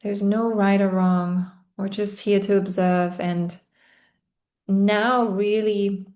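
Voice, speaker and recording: A woman guiding a relaxation meditation in a slow, soothing way, with long pauses between phrases. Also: mid-range voice, flat delivery, darkish tone. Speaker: meditation guide. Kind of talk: guided meditation.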